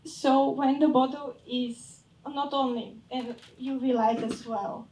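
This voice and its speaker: A young woman from Bulgaria presents her startup idea with a slightly high voice, often pausing to find her words. She sounds distant from the microphone. A big hall lends her voice a strong echo. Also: steady tone, a little mellow, slight background noise. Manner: hesitant, searching for words, fades at phrase ends. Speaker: startup founder pitching. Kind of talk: pitch and Q&A answers. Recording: echoey hall from far off.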